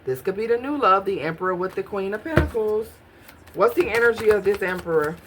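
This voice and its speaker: A woman's voice: medium pitch, lively intonation, fairly quick, background noise. A woman doing a casual tarot reading, musing aloud and questioning the cards as she pulls them. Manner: musing, talks to herself while pulling cards. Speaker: tarot reader.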